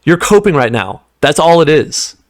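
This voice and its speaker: A man's voice: fairly high pitch, very animated, moderate pace. A young man in a rambling, meandering monologue, often restarting sentences and laughing between points.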